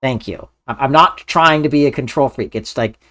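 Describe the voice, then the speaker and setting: A man giving casual video game commentary as a Let's Player, earnest and somewhat halting. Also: medium pitch, sharp tone.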